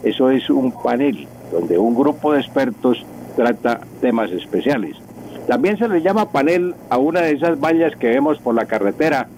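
A man's voice: mid-range voice, expressive, moderate pace, a little mellow, poor audio. Older Colombian man, radio language professor; didactic, repetitive, faint background noise. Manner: didactic, repeats words for emphasis.

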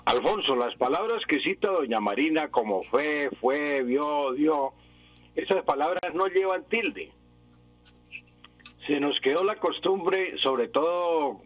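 A man's voice: mid-range voice, husky. A man who is the language expert on a radio show, patiently explaining spelling rules and repeating his examples one by one. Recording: dull lo-fi radio broadcast.

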